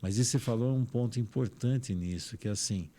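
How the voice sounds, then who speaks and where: A man's voice: mid-range voice, a little fast, warm tone, a little hiss or hum. A man with a Brazilian Portuguese accent, a physician guest on a podcast, explaining ideas with everyday examples. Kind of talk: podcast conversation.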